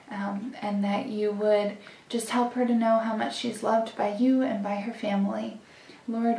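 A young woman giving a gentle, encouraging Bible lesson to children, seated at a table in a small room. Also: a little high, recorded from a distance. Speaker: children's church teacher. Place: small indoor room, seated at a table before a plain wall. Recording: echoey room.

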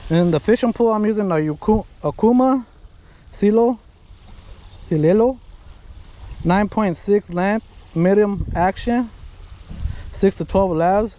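A man's voice: high-pitched, measured pace, long pauses, warm tone. A man in his thirties vlogging while driving and fishing from a pier, rambling and chatty as he talks to his viewers. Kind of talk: casual vlog narration. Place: outdoors, driving then on a waterfront pier. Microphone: action camera. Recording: action camera audio with clear outdoor noise.

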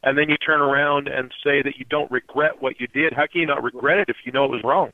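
A man calls in over a tinny phone line and talks quickly. His voice is dry, and he presses the guest with pointed, challenging questions. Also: mid-range voice, steady tone, no room sound. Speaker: caller. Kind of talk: call-in. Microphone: phone call.

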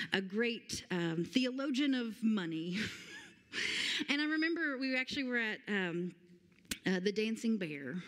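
Woman pastor preaching in a reverberant church. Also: medium pitch. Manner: earnest, emphatic scripture reading with slow stressed phrases. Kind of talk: sermon. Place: large church sanctuary stage. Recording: long hall reverb.

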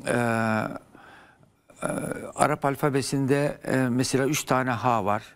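A man's voice: mid-range voice, fairly even intonation, takes it slowly, smooth. An older man, a historian guest in a TV studio, explaining at length with frequent hesitations.

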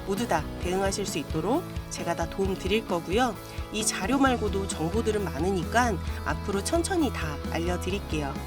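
A woman with a mid-pitched voice narrates a scripted promotional pitch over clearly audible background music. Animated and at normal speed with hardly any pauses, she speaks earnestly and persuasively straight to her viewers as the video's host.

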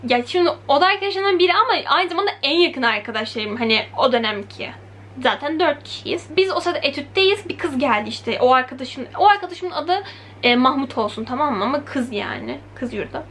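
A young woman telling a story in a casual vlog, animated and chatty, acting out quoted lines. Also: sits high, a little hiss or hum. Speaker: vlogger. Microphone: camera mic.

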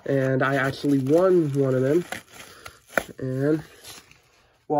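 A man with a stuffy, sniffling head cold hosts a casual unboxing vlog, talking with mild excitement. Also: mid-range voice, a little hiss or hum. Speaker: host of a sports card unboxing channel. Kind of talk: casual mail-day vlog narration. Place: indoor room at a tabletop.

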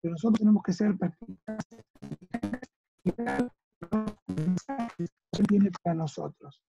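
A man's voice: sits high, a little slow, mellow, muffled recording, faint music behind. A man with an Argentine accent, a rabbi giving an earnest religious lesson with slides, often checking that his listeners follow. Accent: Argentine Spanish. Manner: earnest, teaching, asks listeners to agree.

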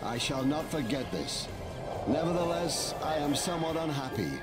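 A man acts out a veteran army captain from a fantasy game, grim and earnest. He declaims in mock-biblical, old-fashioned formal phrases with a very animated pitch. Clear music plays behind him. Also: moderate pace, close to an everyday voice. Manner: mock-archaic, quasi-biblical formal speech. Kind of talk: scripted fantasy game dialogue.

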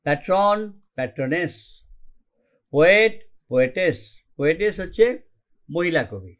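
A man's voice: a little high, expressive, moderate pace, fairly bright tone, muffled recording. A man teaching an English grammar lesson in Bengali, explaining step by step and often checking whether the students follow. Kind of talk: online classroom lesson.

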